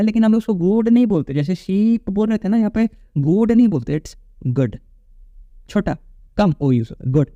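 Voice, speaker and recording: A man's voice: high-pitched, dark tone, no room sound, lo-fi sound. A male English teacher giving a casual exam-prep phonetics lecture, repeating points and checking in with his students. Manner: casual, repetitive, checks in with "okay?".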